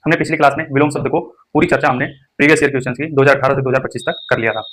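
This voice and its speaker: A young man teaching an exam-prep Hindi lesson. He stresses each word and then repeats it slowly. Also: mid-range voice, fairly even intonation, a bit bright.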